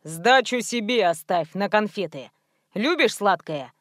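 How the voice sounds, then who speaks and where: A woman voicing a rude, menacing young male thug in an audiobook, with a slow, low, threatening drawl. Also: no echo, studio quality, natural voice. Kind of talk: audiobook reading.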